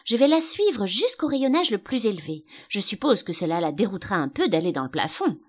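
A woman's voice: medium pitch, very animated, fairly quick. A woman voicing a polite, curious little girl who talks eagerly and a little plaintively. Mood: puzzled.

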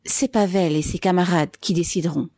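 A woman's voice: lowish voice, fairly even intonation, fairly quick, dark tone, no echo. A woman reading aloud, voicing a cautious, anxious mother who speaks hesitantly and doubtfully.

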